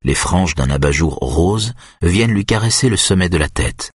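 A man narrating an audiobook in an even, measured reading. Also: low-pitched, breathy edge, no room sound, clean studio sound.

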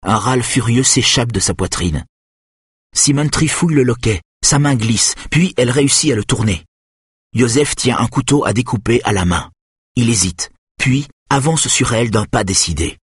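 A man reading a thriller as an audiobook narrator in a steady, measured way. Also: medium pitch, slightly rough, dry recording, studio quality.

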